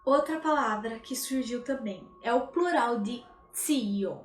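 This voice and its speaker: A woman teaching Italian in a live online lesson. She explains patiently, often checks in with "tá?", and slows down to model pronunciation. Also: on the high side, expressive. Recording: echoey room, livestream audio.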